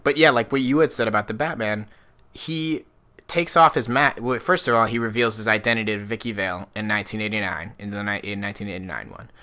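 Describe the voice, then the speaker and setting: A man's voice: fairly low pitch, quick pace, pushed and bright. A man co-hosting a podcast in a casual, opinionated chat, often restarting his sentences. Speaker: podcast co-host.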